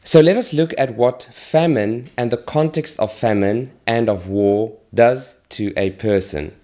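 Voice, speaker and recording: A middle-aged man from Malawi, a charity worker, making an earnest, measured appeal while demonstrating with a plant. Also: mid-range voice, warm tone. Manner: earnest, measured, with pauses and restarts.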